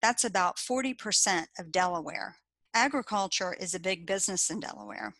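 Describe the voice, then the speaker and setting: A woman with an American accent reading a scripted slideshow narration as an extension educator, in a steady, informative way. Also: on the low side, a little fast, no echo.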